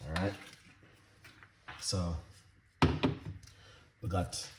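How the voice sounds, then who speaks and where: A man with a soft, quiet voice, hosting a casual cooking demonstration and chatting unhurriedly with plenty of fillers. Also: level tone, very slow, echoey room, far from the mic, heavy background noise. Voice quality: soft, low-volume voice. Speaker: recipe channel host.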